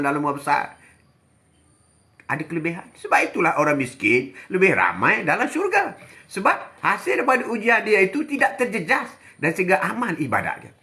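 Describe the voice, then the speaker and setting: Give me an older preacher with a lively, swooping, bright voice. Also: male voice, high-pitched. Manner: animated, repetitive preaching with quoted voices. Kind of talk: live religious talk.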